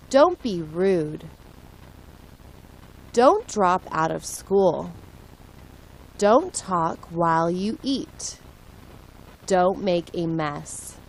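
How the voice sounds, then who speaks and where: A woman reading short English phrases aloud for learners, clear and deliberate, one phrase at a time. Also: mid-range voice, low-quality recording. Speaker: English lesson reader. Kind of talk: slow read-aloud for learners.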